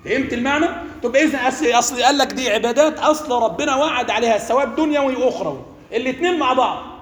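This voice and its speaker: Speaking very fast at an extremely high pitch, a man with an Egyptian Arabic accent leads a religious class, questioning students and letting them fill in the ends of his sentences. The sound is from an echoey hall with faint ambience.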